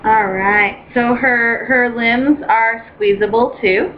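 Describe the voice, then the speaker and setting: A young woman's slightly high voice talks slowly and unhurriedly through a casual home vlog, gushing with excitement and stopping often for ums and fresh starts. The recording is dull and lo-fi, with a faint hiss behind her. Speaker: doll collector vlogger.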